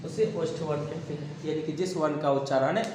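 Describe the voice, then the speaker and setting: A man teaching a grammar lesson who repeats key phrases, asks his students rhetorical questions and dictates slowly word by word. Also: fairly high pitch, fairly even intonation, darkish tone, a little hiss or hum. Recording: very echoey room with long reverb.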